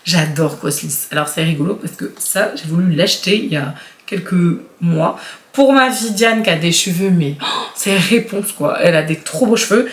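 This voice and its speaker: A woman's voice: fairly low pitch, normal speed. A woman in her thirties chatting casually and enthusiastically as she unboxes beauty products, with frequent fillers. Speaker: beauty vlogger. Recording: roomy echo.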